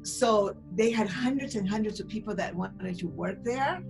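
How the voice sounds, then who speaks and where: A woman's voice: medium pitch, moderate pace, vocal fry, rough recording. Chilean lady in her 60s, spanish accent, chatty and upbeat, music going underneath. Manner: enthusiastic, storytelling, many fillers. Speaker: guest. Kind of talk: interview answers.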